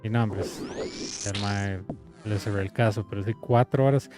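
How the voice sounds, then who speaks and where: A man's voice: on the low side, moderate pace. A young man with a Costa Rican accent casually telling a work story while playing a game, acting out the people he quotes. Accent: Costa Rican Spanish. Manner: animated, acts out quoted people in conversation. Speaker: game coach streaming gameplay. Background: game music.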